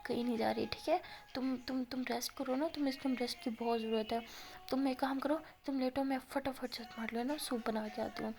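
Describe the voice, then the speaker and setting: A woman voicing a young college student who soothes and teases her crying partner in a quick, coaxing, fond way. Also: high-pitched, fairly even intonation, vocal fry, darkish tone. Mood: soothing.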